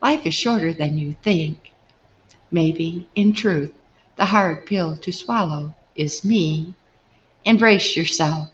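Slow-talking woman telling a funny story. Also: lowish voice, dull audio, slight background noise. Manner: humorous, chatty, self-deprecating. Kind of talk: personal story narration.

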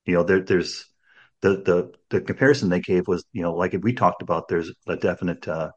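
Deep, steady, and slightly rough, this man in his sixties talks fairly quickly while hosting a podcast. His casual conversation wanders, with frequent restarts and plenty of "you know"s, and the recording has its highs cut off.

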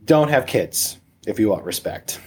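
A man's voice: lowish voice, big pitch swings, unhurried, slightly rough. A man talking as a guest on a parenting podcast, joking and emphatic, firing off rhetorical questions. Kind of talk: casual conversational interview.

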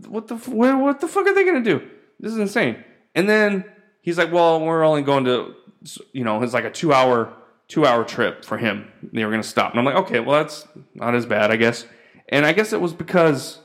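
Man, host, casual rant, profane, rambling, mid pitch. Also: fairly bright tone. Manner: profane, rambling, exasperated storytelling.

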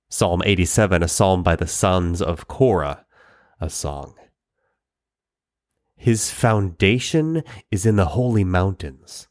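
Low-voiced man reading scripture aloud. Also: dry recording, studio quality. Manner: expressive, dramatic reading that rises in pitch on pleading lines. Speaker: Bible reader.

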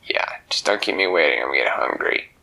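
A man voicing a gruff, pushy male pygmy flamingo in a bedtime story, growling low and fast. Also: expressive, bright, forceful tone, heavily acted, poor audio.

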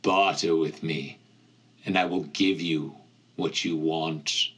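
A man voicing an ancient, cold and amused evil being calling up from a bottomless pit, in a low, slow, menacing murmur. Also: fairly even intonation, a bit bright, breathy edge, exaggerated voice.

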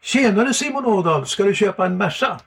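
A man's voice: high voice, animated, vocal fry, fairly bright tone, heavily acted. A man doing a shaken, tearful car salesman. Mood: brisk salesman. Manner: shaky, near tears. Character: flustered middle-aged male car salesman.

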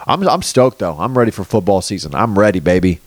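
A man talks through a loose comedy monologue, jumping from one topic to the next with crude, sarcastic asides and plenty of swearing. His voice sits a little low. The recording is dry, with almost no room sound. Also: animated, fairly quick, no room sound. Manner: jumps loosely between topics. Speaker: comedian and podcast host. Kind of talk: rambling comic monologue.

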